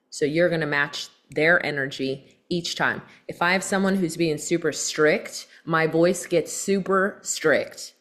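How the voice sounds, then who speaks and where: A woman leads a sales training session. Her voice sits fairly low, and she speeds up and slows down on purpose to show what she teaches. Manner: coaching, switches pace on purpose to demonstrate. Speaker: sales coach. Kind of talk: training talk on a call.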